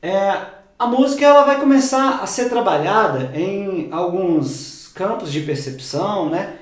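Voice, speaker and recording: A man teaching music theory at a whiteboard, explaining patiently, repeating key words and dropping his voice low for asides. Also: lively intonation, unhurried. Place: room with whiteboard. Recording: very echoey room.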